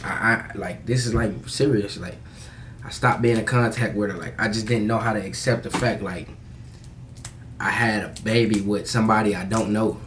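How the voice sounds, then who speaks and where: A young American man with a fairly low voice talks casually, as if confiding in viewers on a personal vlog. His delivery is candid and halting, full of slang and swearing. Some light noise sits behind the voice. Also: fairly even intonation, a bit bright. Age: young adult. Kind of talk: casual confessional vlog storytelling.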